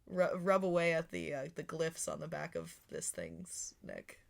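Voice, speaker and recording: A woman's voice: deep voice, sing-song, measured pace, vocal fry. A woman playing a tabletop game, talking casually. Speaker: player.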